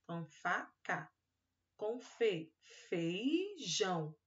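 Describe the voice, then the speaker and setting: Woman, Brazilian accent, kindergarten teacher, remote lesson, drawn-out syllables, medium pitch, muffled lo-fi sound. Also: animated. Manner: drawn-out syllables and fond little-word talk to children. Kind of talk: recorded remote class for young children. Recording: lo-fi recording.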